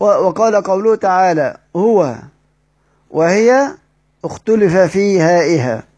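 Egyptian male teacher, slightly high voice, methodical explainer who reads out quotes and quizzes the room. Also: dark tone. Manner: explains step by step, asks the class rhetorical questions and answers them. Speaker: Quran recitation teacher. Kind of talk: classroom lesson with read-aloud quotes.

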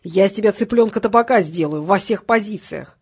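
A woman reading an audiobook, voicing a tough sarcastic man who threatens a rival over the phone in a loud, mocking way. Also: medium pitch, brisk, husky, close to an everyday voice. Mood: menacing.

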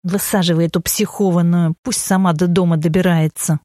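A woman's voice: lowish voice, fairly even intonation, fairly quick, mellow, dry recording, studio quality, lightly acted. A woman voicing a stern young man who questions his sister bluntly. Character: stern, protective young man, cold and demanding.

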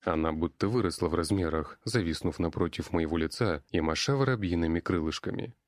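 Low-voiced male audiobook narrator. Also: brisk, no echo, studio quality. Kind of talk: audiobook reading.

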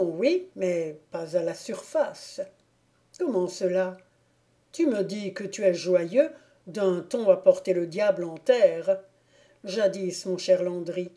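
A woman's voice: medium pitch, dark tone. A woman voicing a shrewd clog-maker who teases his cousin in a knowing, mocking way, in an audiobook. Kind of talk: audiobook character reading.

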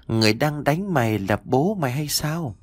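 A man's voice: medium pitch, lively intonation, normal speed, no echo, voice pushed up, natural voice. A man voicing an eerie ghost child who taunts a boy in a horror story. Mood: taunting.

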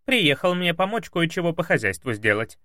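A man reading aloud as a loud, bossy older woman who is a grandmother and housekeeper. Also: lowish voice, very animated, a little fast, no room sound, clean studio sound, pitched above the performer's own voice. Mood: loud, excited.

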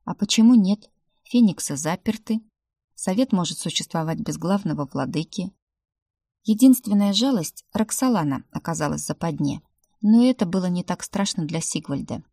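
A woman narrating a first-person audiobook in a calm, even storytelling manner. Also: fairly low pitch, moderate pace, husky, no room sound, studio quality.

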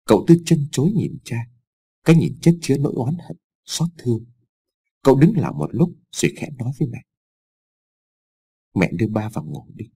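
A man's voice: mid-range voice, sing-song, brisk, dark tone, slightly rough. A man reading a dramatic story aloud as an audiobook narrator. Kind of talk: scripted narration.

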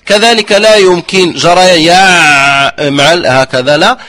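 A man teaching the rules of Quran recitation, slowly modelling the sounds and often asking his listeners if they understood. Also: sits high, pushed and bright. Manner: checks understanding with repeated questions; slowly drawn-out demonstrations of pronunciation. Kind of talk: explanatory religious lesson.

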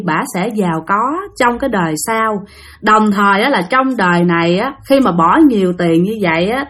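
A woman with a Southern Vietnamese accent tells a ghost story in a chatty manner, speaking directly to her listeners. Her voice is mid-range and a bit bright.

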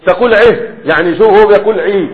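A man's voice: sits high, a little fast. A man with an Egyptian accent teaching a grammar lesson, explaining step by step and often checking that students follow. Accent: Egyptian Arabic. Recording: tinny, echoey hall.

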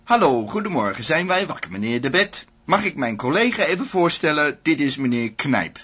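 A man's voice: on the high side, very animated, normal speed, fairly bright tone, slightly rough, voice pushed up, exaggerated voice. A man voicing a cheerful, overly polite male tax official with a singsong, friendly manner. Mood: cheery.

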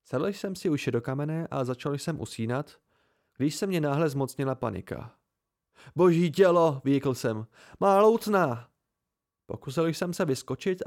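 A man's voice: on the high side, animated, darkish tone. A man reading a novel aloud as an amateur audiobook narrator, giving the characters small shifts of voice. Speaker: audiobook reader.

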